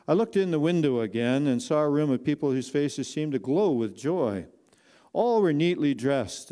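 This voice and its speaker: A man narrating a first-person inspirational story slowly and earnestly, with dramatic pauses. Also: mid-range voice, mellow, clear, resonant tone.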